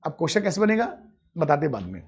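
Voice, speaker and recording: A man's voice: a little high, sing-song, quick pace, creaky, slightly rough. A man teaching grammar in a live online class, calling his students "beta" and answering his own questions. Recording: dull lo-fi audio.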